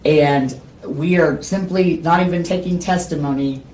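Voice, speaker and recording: A woman, a lawyer in court, protesting, pleading and shouting while agitated. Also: sits low, measured pace, recorded from a distance. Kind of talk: courtroom argument and arrest. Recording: echoey courtroom from afar, noisy.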